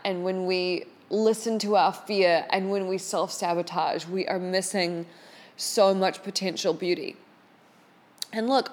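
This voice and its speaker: Earnest, emphatic woman hosting a solo show. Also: mid-range voice. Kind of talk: casual reflective monologue to listeners.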